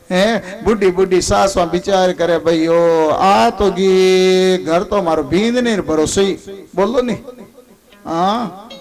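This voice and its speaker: A man with a Rajasthani accent telling a devotional story as a sermon, lively and calling on his listeners to answer. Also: sits high. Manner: lively, calls on listeners to respond. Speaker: religious storyteller.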